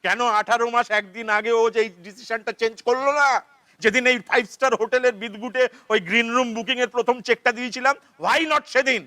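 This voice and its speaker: A man's voice: very high voice, fairly even intonation, quick pace, no room sound. A man playing a frantic, ranting father of the bride. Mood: frantic indignant. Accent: Kolkata Bengali. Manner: ranting, shouting, sarcastic, repeating himself. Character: frantic middle-aged father of the bride, money-obsessed. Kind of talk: theatre play reading.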